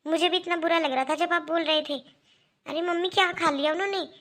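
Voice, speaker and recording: A woman voicing a young married daughter who speaks loudly and reproachfully in a cartoon. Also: very high voice, level tone, brisk, exaggerated voice. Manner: loud, reproachful.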